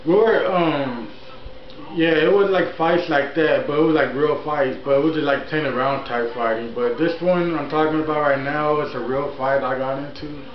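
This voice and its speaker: A man's voice: fairly high pitch, normal speed. A man in his early twenties telling a personal story in a casual, rambling vlog style, often repeating himself. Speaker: YouTuber, channel host. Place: indoor room at home, TV on. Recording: echoey room, dull sound, faint noise.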